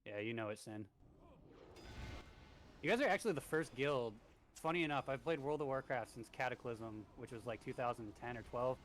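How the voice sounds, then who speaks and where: A man in his twenties streams a game and leads a raid, rambling easygoingly with lots of fillers through casual gaming chat and a raid briefing. His mid-range voice is a bit bright at a normal speed, with a little hiss or hum in the audio.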